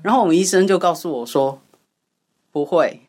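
A radio drama writer, appearing as an interview guest, explains her writing in a conversational, storytelling manner. Her voice sits on the low side with a darkish tone, at a moderate pace.

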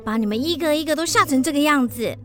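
A woman's voice: high-pitched, fast, voice pushed up, natural voice. A woman voicing a cheerful school teacher in a children's radio drama, coaxing and sing-song. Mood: soothing. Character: cheerful female school teacher on a field trip. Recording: children's music underneath.

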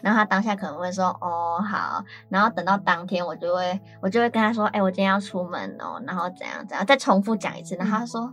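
A woman's voice: mid-range voice, very fast, hardly any pauses, fairly bright tone, faint music behind. A young woman from Taiwan co-hosting a casual radio chat, leading topics and asking her partner questions. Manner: asks questions, leads topics. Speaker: co-host.

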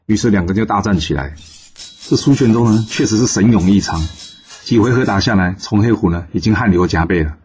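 A man's voice: on the low side, fairly quick, a little mellow, slight background noise. A man telling a classic tale in a casual, chatty storytelling manner with many fillers. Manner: chatty, filler-heavy narration.

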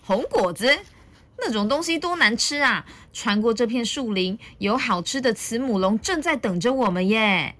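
A woman's voice: on the high side, expressive, normal speed, a bit bright, voice pushed up. A woman voicing a big greedy male tyrannosaurus, sly and menacing, with a chuckling manner.

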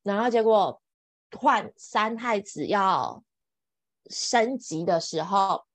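A woman, a podcast guest telling a personal story in an animated, exclamatory way, her voice jumping up in excited bursts. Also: slow pace, no echo. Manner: expressive, exclamatory, laughs often, jumps between high excited bursts and soft asides. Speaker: podcast guest, event planner.

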